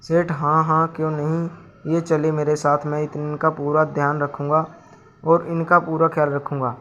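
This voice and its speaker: A man's voice: a little high, level tone, moderate pace, fairly bright tone, lo-fi sound, slight background noise, close to an everyday voice. Man doing a fawning greedy merchant. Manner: fawning, two-faced. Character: greedy scheming male merchant.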